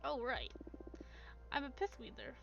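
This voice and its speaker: A soft, hesitant spider witch, voiced by a woman, nervous and eager to please. Her voice sits fairly high and comes through dull and lo-fi. Game music plays clearly behind her. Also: animated, measured pace, heavily acted. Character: shy nervous young female spider witch.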